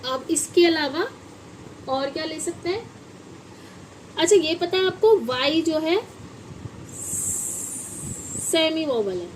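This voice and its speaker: A woman gives a patient phonics lesson. Her voice sits high and her pace is slow and deliberate as she spells words out letter by letter. A faint hiss of background noise runs under the recording. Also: animated, low-quality recording. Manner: asks children questions and spells words letter by letter. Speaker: English teacher.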